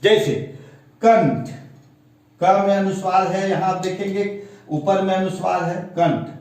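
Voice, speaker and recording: A man teaching a classroom grammar lesson, going through examples slowly and step by step. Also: sits high, little pitch movement, a little mellow. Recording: very echoey room, distant mic.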